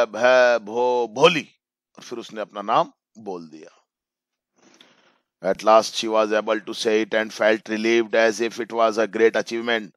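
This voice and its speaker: A male English teacher explaining a story line by line in a bilingual lesson. He reads the English slowly, then paraphrases it and repeats phrases for emphasis. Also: medium pitch, fairly bright tone, clear, resonant tone, no room sound, clean studio sound.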